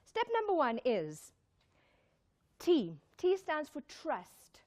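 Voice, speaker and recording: In a slow, high voice with a darkish tone and wildly swooping pitch, a woman addresses a live audience with a motivational talk. Born in Zimbabwe and raised in South Africa, she speaks emphatically, repeating key lines and asking her listeners questions.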